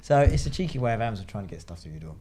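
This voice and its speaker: A man's voice: fairly low pitch, sing-song, very fast, mellow. A young man co-hosting a casual chat podcast, chatty and talking over the others. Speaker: podcast co-host.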